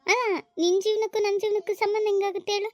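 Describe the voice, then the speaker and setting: A woman's voice: extremely high pitch, little pitch movement, fast talker, a little mellow, no room sound. A woman with a North Karnataka Kannada accent playing an anxious village mother in a family comedy-drama, talking in an emotional, pleading and scolding way.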